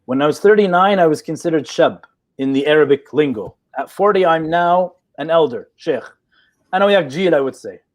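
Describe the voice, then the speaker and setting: A guest psychologist in his forties speaks in a live chat with a high-leaning voice, lively intonation, and a brisk pace. He explains things assertively, checking in with "okay?" along the way.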